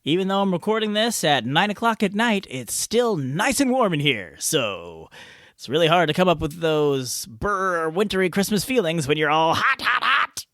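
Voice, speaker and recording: Goofy guy joking through his podcast outtakes, high bouncy voice, dead dry sound. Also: big pitch swings, moderate pace, a bit bright, no room sound. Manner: playful, self-mocking, rambling. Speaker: podcast host. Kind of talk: outtakes, joking self-talk. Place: hot home garage studio.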